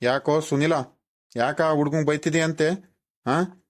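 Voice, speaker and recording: A man's voice: a little high, steady tone, unhurried, close to an everyday voice. An actor playing a strict but kindly village schoolteacher in a cartoon, with a rural Karnataka Kannada accent, scolding and lecturing his pupils. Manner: scolding then lecturing, repeated questioning "aa?". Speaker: teacher. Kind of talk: cartoon voice acting.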